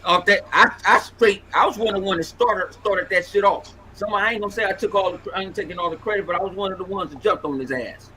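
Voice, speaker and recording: A man in his forties hosting a podcast, ranting in a loud, profane, animated way. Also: high voice, quick pace, hardly any pauses, rough recording. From Los Angeles. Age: 40s. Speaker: podcast host. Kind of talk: casual podcast banter.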